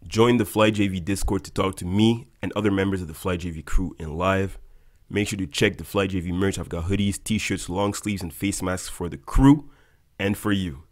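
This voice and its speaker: Here a young airline pilot narrates for his video audience in an upbeat, explanatory scripted voice-over set against loud background music. His voice is low and steady at a moderate pace.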